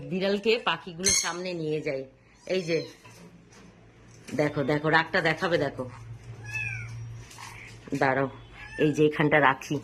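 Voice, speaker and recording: A woman films her pets at home on a phone held in one hand. She narrates excitedly in a casual vlog manner, repeating words again and again. Faint noise sits under her voice. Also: low voice. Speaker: vlogger filming her pets. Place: home with pet birds and kittens.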